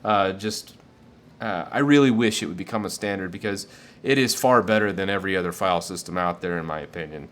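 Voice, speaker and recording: A man's voice: deep voice, fairly quick, a bit bright. A man casually answering viewer questions on a live tech stream, enthusiastic and rambling with fillers.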